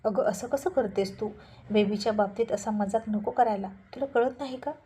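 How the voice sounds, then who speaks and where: A woman's voice: medium pitch, normal speed, dark tone, a little hiss or hum, natural voice. Woman playing middle-aged mother, concerned, reproachful. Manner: questioning, reproachful.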